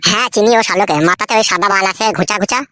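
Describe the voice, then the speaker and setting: A man voicing a scheming, boastful young village man in a cartoon, talking low and crudely. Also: rapid-fire, pushed and bright. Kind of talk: cartoon voice acting.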